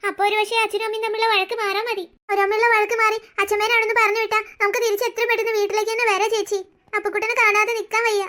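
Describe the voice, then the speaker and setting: A woman's voice: very high voice, flat delivery, very fast, sharp tone. A woman voicing a chirpy younger sister in a cartoon, asking worried questions. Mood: hopeful. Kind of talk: cartoon voice acting.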